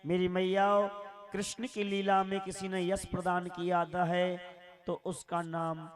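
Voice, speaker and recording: A man's voice: high-pitched, completely flat delivery, a little slow. A man narrating a devotional scripture story, dramatic and repeating his phrases. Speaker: religious storyteller.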